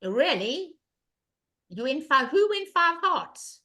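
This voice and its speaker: An older woman gives an online bridge class via webcam, her voice loud, high and sing-song. She takes it slowly, stressing points emphatically and asking her students the same questions again and again.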